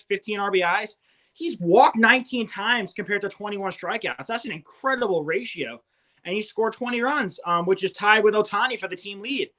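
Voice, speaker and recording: Young dude co-hosting a sports podcast, highish voice, stat after stat, pumped up. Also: male voice, sharp tone. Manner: rattles off stats enthusiastically. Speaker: co-host. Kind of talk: fantasy baseball podcast chat.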